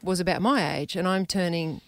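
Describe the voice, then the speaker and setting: A woman's voice: on the low side, normal speed, no echo. A woman, co-hosting a casual radio chat, talking in a chatty way that trails off and restarts. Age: 40s. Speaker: radio co-host.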